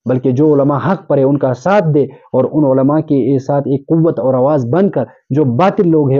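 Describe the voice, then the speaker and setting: The lo-fi audio holds a slightly high, warm-toned male voice: an Islamic preacher earnestly delivering an Urdu sermon, pressing his listeners and illustrating points with everyday examples.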